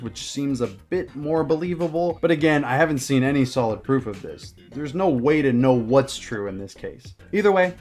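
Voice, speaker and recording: A man narrating a scripted video essay with dry, sarcastic commentary. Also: medium pitch.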